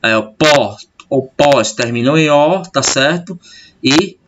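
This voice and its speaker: A man's voice: mid-range voice, animated, slow pace, fairly bright tone. A male teacher, explaining a grammar lesson step by step and often checking in with his pupils in a recorded video lesson. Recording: dull lo-fi sound with faint noise.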